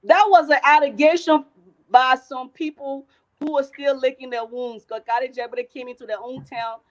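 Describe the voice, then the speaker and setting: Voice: high voice, fairly even intonation, moderate pace, poor audio. An organization president, speaking emphatically over a video call that keeps cutting in and out. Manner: defensive, emphatic, repeating phrases. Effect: video call audio cutting in and out.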